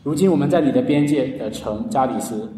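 A man preaching a sermon in a mellow, relaxed voice, earnestly telling a story and drawing out his sentence endings. He sounds far from the mic, his words ringing through a large, echoing hall. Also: medium pitch, a little fast, slight background noise. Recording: echoey hall, heard from a distance.

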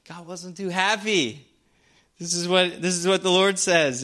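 Casual, bright-voiced young preacher. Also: male voice, fairly high pitch, clean tone. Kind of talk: sermon.

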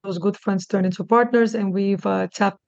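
A middle-aged woman who grew up in New York after being born in Russia, speaking with a gravelly, fry-edged voice in a narrow, even pitch. She talks haltingly and earnestly, restarting her sentences, and the sound is dry and slightly dull, as if on a lo-fi line. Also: no echo. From born in Russia, raised in New York. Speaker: guest, clinic CEO. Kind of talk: casual podcast interview.

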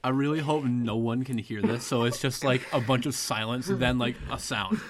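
A man's voice: mid-range voice, steady tone, normal speed. A young man co-hosting a podcast, making dry joking asides. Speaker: podcast co-host. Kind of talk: casual chat. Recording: noisy podcast recording.

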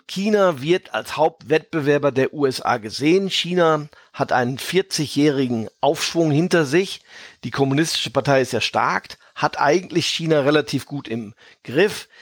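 Higher-pitched man giving measured expert commentary. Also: no echo. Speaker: podcast guest, fund manager.

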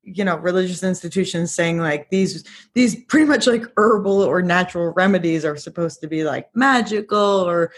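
A podcast co-host in casual discussion, reflective and quick to laugh. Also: medium pitch.

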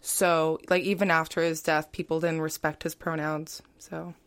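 Speaking at normal speed in a deep, clean voice with little pitch movement, a young woman who's in college talks as a guest on a podcast. She's chatty and casual, leaning heavily on "like" and "you know."

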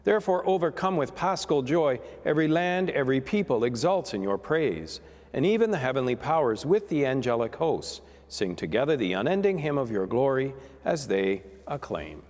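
A man's voice: mid-range voice, very animated, a little mellow. Guy priest saying mass prayers, reverent singsong rise and fall, big cathedral echo. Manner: measured, reverent delivery with rising and falling cadence. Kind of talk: liturgical prayer, solemn formal recitation. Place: large reverberant church.

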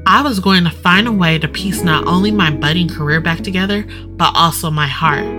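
A woman's voice: on the low side, a little fast. A woman host narrating an erotic audio story in intimate first person, with guitar music behind.

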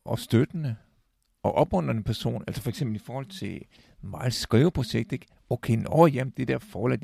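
A man with a gravelly voice in a casual film talk, halting with restarts and fillers as he retells scenes. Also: medium pitch, warm tone, dry recording.

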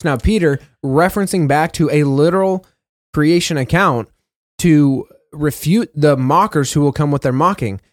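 A man co-hosting a casual Bible discussion, reading scripture passages aloud and talking them over in a relaxed way with small fillers and self-corrections. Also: on the high side, moderate pace, dry recording, clean studio sound.

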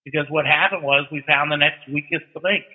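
A towing instructor appearing as a guest explains technical matters casually, in a folksy storytelling style like a seasoned teacher. His voice is on the high side, steady, fairly quick, and slightly rough, heard over a thin, narrow-band, phone-like line.

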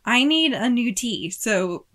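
A woman's voice: a little high, animated, slow pace, a bit bright. A woman co-hosting a podcast in casual chat, with a reassuring, easygoing manner. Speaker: podcast co-host.

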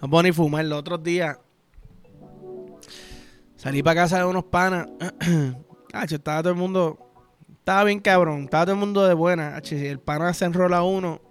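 A high-pitched man with a Puerto Rican accent hosts a podcast. He delivers a crude, rambling, profane comic monologue over faint background music. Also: fairly quick, long pauses, smooth. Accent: Puerto Rican Spanish. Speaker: podcast host. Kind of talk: casual comedic podcast monologue.

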